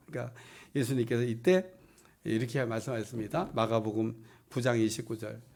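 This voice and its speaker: Middle-aged male pastor, sermon delivery, high-pitched and gravelly, emphatic and declaiming. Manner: emphatic preaching with rising declarations and repeated blessings. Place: church sanctuary.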